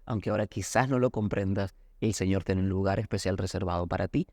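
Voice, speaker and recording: A man's voice: low voice, fairly even intonation, quick pace, a little mellow, no room sound, studio quality. A man with a Colombian accent, a pastor earnestly explaining a Bible lesson in a recorded discussion. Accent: Colombian Spanish. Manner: earnest teaching, acts out anecdotes.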